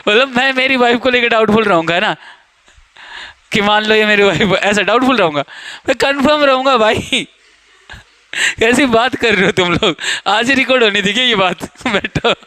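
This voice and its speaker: Young male coaching-class teacher, high clear voice, playful and teasing with students, dry classroom sound. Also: moderate pace, bright, forceful tone, dry recording. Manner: joking, teasing students, quizzing them by name. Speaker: English teacher. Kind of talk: classroom grammar lesson.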